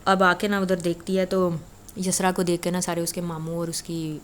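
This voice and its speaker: Woman storyteller, low even voice, relaxed chatty retelling with fillers. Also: slight background noise. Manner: chatty, conversational, frequent filler "na". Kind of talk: casual spoken story retelling.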